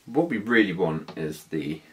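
A British man in his thirties with a deep, low voice talks through gear in a casual vlog style. His delivery is informal, slangy and a little hesitant. The indoor recording carries faint background noise and small handling clicks. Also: animated, a little slow. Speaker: motovlogger. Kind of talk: casual hands-on product walkthrough. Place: small living room, indoors.

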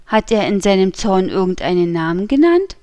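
A woman's voice: mid-range voice, sing-song, dark tone, dry recording, natural voice. A woman reading the part of a haughty, mocking nobleman who speaks with cool contempt, in a dry audiobook recording. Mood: scornful. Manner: scornful, unhurried, mocking.

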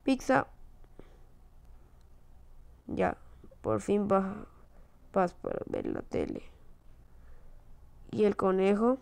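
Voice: medium pitch, wildly swooping pitch, takes it slowly, creaky, pauses often, a little mellow, clean tone. A casual let's-play commentator who chats, mutters and reacts jumpily to scares. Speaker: gameplay commentator.

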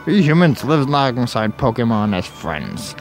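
A man's voice: mid-range voice, sing-song, moderate pace. A man reading game dialogue aloud as an elderly male professor, in a mild put-on voice over faint game music. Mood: explanatory.

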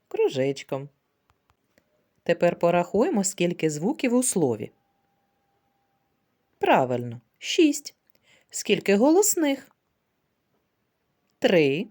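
A woman teaching a literacy lesson to preschool children, asking questions slowly and patiently and praising them in a sing-song way. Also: medium pitch, darkish tone. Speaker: kindergarten teacher.

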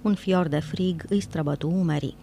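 Calm low-voiced woman narrating. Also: vocal fry, slight background noise. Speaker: audiobook reader. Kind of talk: scripted narration.

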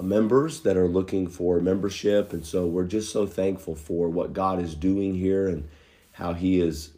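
Speaking from his living room to viewers online, this middle-aged pastor gives heartfelt, homespun church announcements. A cold leaves his low, mellow voice slightly hoarse, and filler pauses come often.

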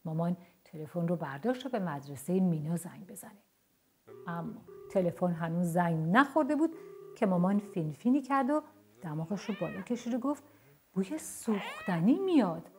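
A young adult woman telling a children's story with lively, expressive narration. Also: fairly low pitch.

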